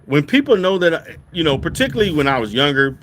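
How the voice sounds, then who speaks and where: Talking quickly and with lots of animation, a Louisiana therapist in middle age speaks informally to viewers in a somewhat high, fairly bright voice over a faint hiss or hum. He often restarts his sentences and checks in with emphatic "okay?"s to stress his points.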